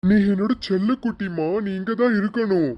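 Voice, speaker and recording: A man's voice: sits high, brisk, dull audio, natural voice. Man voicing an emotional young husband. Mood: affectionate. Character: young husband, emotional, loving elder brother. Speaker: fan-made serial voice actor. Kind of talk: amateur serial drama dubbing.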